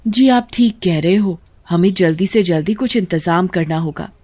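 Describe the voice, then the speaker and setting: A woman's voice: fairly low pitch, moderate pace, a little mellow, no echo, lightly acted. A woman voicing a caring, supportive farmer's wife in a cartoon story. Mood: concerned.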